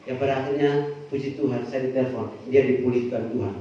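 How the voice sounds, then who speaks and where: Animated pastor, distant in a booming hall, muffled sound. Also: male voice, fast talker, a little hiss or hum. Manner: animated storytelling with bursts of loud emphasis. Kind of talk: sermon. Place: church hall. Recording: distant, echoey, dull church recording.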